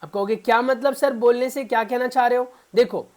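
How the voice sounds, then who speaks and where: A man's voice: very high voice, fairly even intonation, brisk. A man teaching a spoken English grammar lesson to beginners. He keeps quizzing his viewers with repeated questions and talks to them in a fatherly way. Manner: fatherly, calls viewers son.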